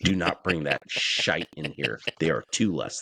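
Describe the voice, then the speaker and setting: Low-voiced animated sports podcast host. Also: male voice, a little slow, creaky, a little hiss or hum. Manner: animated, rambling, laughs often. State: a bit out of breath. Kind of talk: casual sports chat.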